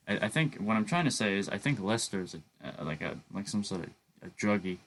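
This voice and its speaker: A young man co-hosting a casual podcast, joking around with many restarts and halting phrases. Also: lowish voice, big pitch swings, fairly bright tone. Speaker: podcast co-host.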